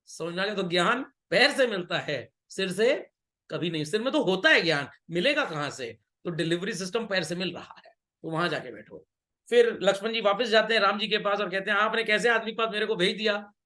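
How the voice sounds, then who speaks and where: A man's voice: sits high, big pitch swings, fairly quick, bright, forceful tone. A middle-aged man teaching business studies in an online class, mixing Hindi and English and playfully teasing and checking on his students. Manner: teases and scolds students playfully.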